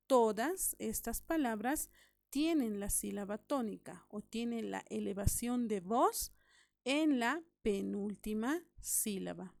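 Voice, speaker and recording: A woman teacher speaks in a slightly high, gravelly voice, patient and explanatory. She repeats each key point and checks that her young pupils are following. The sound is dry and close, with no room echo. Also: a little mellow. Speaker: primary school teacher. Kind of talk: recorded online grammar lesson.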